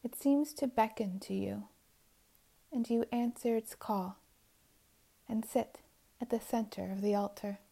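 A woman leads a guided meditation, her voice slightly high but very mellow and warm. She speaks very slowly and gently, with phrases that often fade into a hushed whisper. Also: steady tone, vocal fry. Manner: soft and soothing, slipping into whispers.

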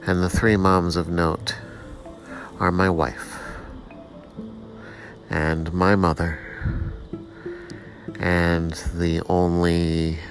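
A man with a low, deep voice talks slowly through a rambling solo monologue as the host of his own show. He is self-mocking one moment and preachy the next, and faint music plays behind him. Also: a bit bright. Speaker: podcast host.

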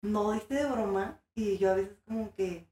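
A young woman with a Mexican accent, an animated storyteller who acts out the voices in her story. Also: medium pitch, a little slow, very echoey. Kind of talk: casual chat.

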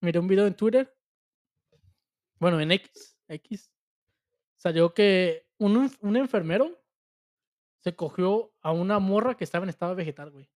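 A young Mexican man co-hosting a podcast, trading quick crude jokes and comebacks in casual banter. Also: high-pitched, a little mellow. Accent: Mexican Spanish. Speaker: podcast co-host.

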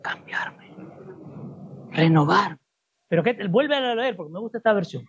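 Husky-voiced man preaching emphatically. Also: sits high, lively intonation, unhurried, a bit bright, dull audio. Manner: emphatic, asks the congregation rhetorical questions. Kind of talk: sermon. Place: church service before a congregation.

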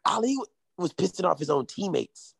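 Young man, slightly high creaky voice, close dry sound, casual sweary frat-bro storyteller. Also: very animated, brisk, a bit bright, no room sound. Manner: frat-bro slang, sweary, heavy use of "like". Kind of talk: casual chat, animated retelling.

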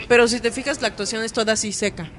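Animated Mexican woman chatting over music. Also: on the high side, racing. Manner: animated, acts out quotes in silly voices. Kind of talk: casual chat. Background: background music.

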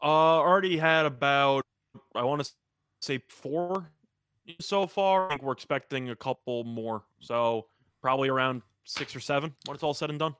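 A man co-hosting a sports betting show in casual banter, with a dry, deadpan sense of humour. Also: mid-range voice, moderate pace, clean tone, dry recording. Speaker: co-host and sports handicapper.

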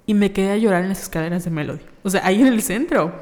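A woman's voice: medium pitch, racing, darkish tone. Chatty young Mexican woman, echoey room. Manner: chatty storyteller, acts out quoted voices. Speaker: podcast co-host. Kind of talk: casual chat.

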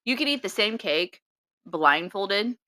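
A young woman co-hosting a casual podcast, talking in halting bursts with many restarts and trailing thoughts. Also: medium pitch, animated, pushed and bright, a little hiss or hum. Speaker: podcast co-host. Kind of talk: casual chat.

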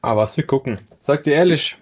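A man's voice: mid-range voice, lively intonation, fast, a little hiss or hum. Casual young man, muffled call sound. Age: young adult. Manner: slangy, reactive. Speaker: podcast co-host. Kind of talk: casual chat. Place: on an internet call. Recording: dull internet call audio.

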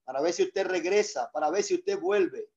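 A man's voice: sits high, normal speed, darkish tone, lo-fi sound. A male pastor preaching a sermon, leading call-and-response and repeating key phrases for emphasis.

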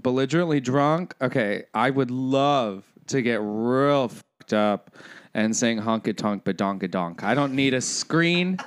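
A man's voice: medium pitch, clear, resonant tone. A man chatting casually on a podcast, asking questions in a playful, profane way. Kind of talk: casual chat.

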